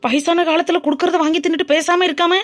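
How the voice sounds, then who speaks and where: A woman's voice: very high voice, fairly even intonation, quick pace. A woman voicing a brash, cheeky young female best friend in a cartoon, teasing and bantering. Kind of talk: cartoon voice acting.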